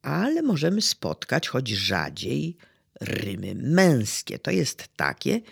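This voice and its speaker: A teacher giving a slow, deliberate lecture on poetry, pausing with fillers and trailing into a whisper at the ends of phrases. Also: medium pitch, gravelly, fairly bright tone, breathy edge.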